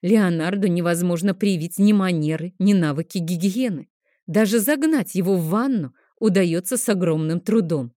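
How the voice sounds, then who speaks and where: A woman with a low, warm voice reads a first-person story aloud, gentle and expressive. The sound is close and dry, with no room around it. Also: moderate pace, dry recording. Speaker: audiobook narrator. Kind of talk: first-person audiobook narration.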